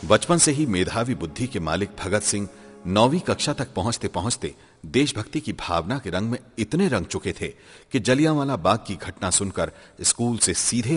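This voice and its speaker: A man's voice: on the low side, breathy edge. A man with an Indian accent delivering dramatic scripted biographical narration. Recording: reverberant hall sound, faint music.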